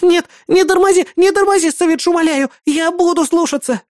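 A reader doing Bismarck, shrill bratty young woman. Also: normal speed, a little mellow, no echo, clean studio sound, natural voice. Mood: panicked. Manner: whiny, pleading, bossy. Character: brash childish young woman, a major.

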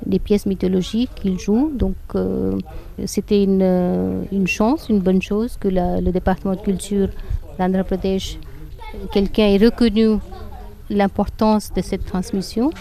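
Recorded outdoors in a public garden, a woman from northern India whose first language is Hindi works as a guide and interpreter, explaining things conversationally. Her medium-pitched voice is warm and creaky, steady and measured, though she hesitates often, with many fillers and restarts.

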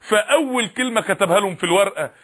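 A man's voice: sits high, expressive, fast talker, bright, forceful tone. A man with an Egyptian accent preaching a sermon, fiery and full of repeated rhetorical questions.

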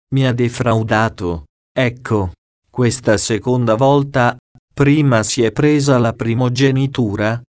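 A man narrates an ancient religious text at an unhurried, deliberate pace. His voice sits at a mid pitch and stays solemn and measured throughout. The recording is dry and close, with no room sound. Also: no echo. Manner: slow, solemn, measured delivery. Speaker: audiobook reader. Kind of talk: scripted scripture reading.

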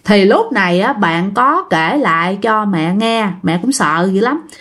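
A woman's voice: medium pitch, animated, unhurried, a bit bright. A woman casually telling a ghost story, chatting directly to her listeners.

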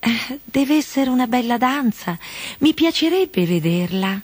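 Woman doing a curious little girl, polite, higher sweeter voice, slow storybook read. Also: very animated, dry recording.

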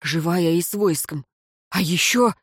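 A narrator voicing a frightened male wall guard who reports in hushed, gasping bursts. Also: medium pitch, unhurried, breathy edge, no echo, clean studio sound. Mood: shaken. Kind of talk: audiobook character voice.

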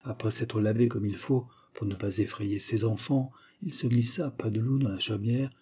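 A man reads a comic folk tale aloud in a mellow, husky voice. He narrates with care and bursts into raised, animated tones when the characters shout. The telling is lively and theatrical. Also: lowish voice, moderate pace. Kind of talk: storybook reading with acted voices.

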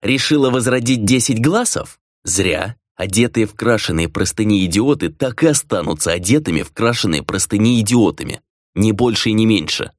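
Man voicing a scornful domineering vampire lord, lively swinging pitch, raised voice, dry recording. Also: normal speed, no echo, natural voice. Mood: mocking. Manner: scornful, domineering, shouting at times. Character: arrogant mocking male vampire clan lord. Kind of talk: audiobook character voice.

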